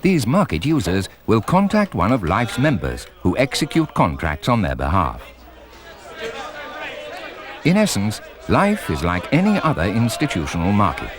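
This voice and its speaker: A man reading scripted corporate documentary narration in a measured, formal way. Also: on the low side, wildly swooping pitch, crowd noise. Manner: measured, formal presenter delivery. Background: music.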